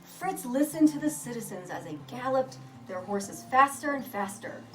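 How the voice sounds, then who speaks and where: With music playing in the background, a storybook reader voices a children's picture book in a deliberate, expressive storytelling style, her voice a touch high. The mic is distant and the room adds a noticeable echo.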